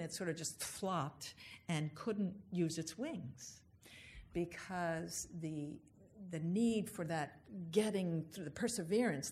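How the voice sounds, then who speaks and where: A woman giving an unhurried, thoughtful spiritual talk, stretching out the words she wants to stress. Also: on the low side, a little hiss or hum. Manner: unhurried, thoughtful, drawn-out emphasis on key words. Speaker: speaker giving a reflective address.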